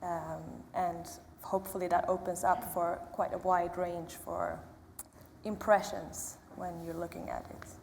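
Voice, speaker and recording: Woman painter from Sweden, mid-pitched, reflective and unhurried, echoing auditorium with faint hum. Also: flat delivery, vocal fry, a little mellow. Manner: measured, reflective with pauses and ums. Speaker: painter on a panel. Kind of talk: panel self-introduction. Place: museum auditorium. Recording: long hall reverb, faint room noise.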